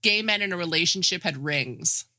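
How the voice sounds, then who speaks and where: A woman with a fairly low but bright voice chats about a film on a podcast. Her talk is lively and playful, and she slips into the characters' lines. The sound is dry and close. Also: normal speed, no room sound. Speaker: podcast co-host. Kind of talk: casual film discussion.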